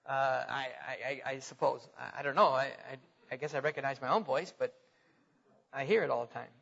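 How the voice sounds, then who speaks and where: A man preaching a sermon and reading scripture aloud, stretching his words and swinging from loud emphasis to quiet asides. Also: medium pitch, steady tone, a little fast, vocal fry. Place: church sanctuary. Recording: reverberant hall, dull lo-fi sound.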